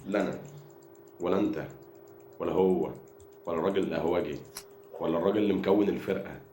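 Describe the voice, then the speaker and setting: A man with an Egyptian accent, ranting to camera as a football fan and mocking rival supporters. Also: deep voice. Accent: Egyptian Arabic. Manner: taunting, mocking rival fans; rapid, repetitive, animated delivery. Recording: echoey room with background noise.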